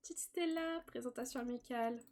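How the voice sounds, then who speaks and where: A young woman with a voice on the high side and a brisk delivery provides casual live-stream commentary while playing a life-simulation game. She's chatty, laughs often and breaks into excited squeals.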